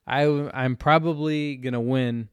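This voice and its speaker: A man's voice: medium pitch, steady tone, a little slow, smooth, no echo. A man on a casual podcast tells a story at an easy pace, slipping in crude jokes. His voice sits in a middling register, recorded close and dry with no room sound. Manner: laid-back storytelling, crude humor. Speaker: podcast co-host. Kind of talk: casual chat.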